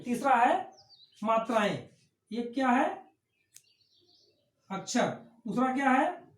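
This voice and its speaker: A woman teaching an online class, explaining terms by asking questions and then answering them herself. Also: fairly high pitch. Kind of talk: online lecture on Hindi phonetics. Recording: echoey room.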